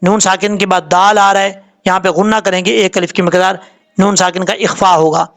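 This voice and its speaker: A man teaching a tajweed lesson in Urdu with a Pakistani accent, spelling words out sound by sound and chanting the verses in long drawn-out notes. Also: sits high, fairly even intonation, vocal fry, a bit bright. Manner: slow letter-by-letter drilling, drawn-out chanted recitation.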